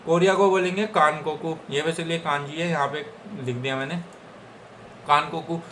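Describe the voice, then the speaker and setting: A man's voice: on the high side, fairly even intonation, brisk, a bit bright, a little hiss or hum. A young man from India teaching Japanese vocabulary in a casual Hindi lesson, repeating each word several times and checking in with "theek hai guys".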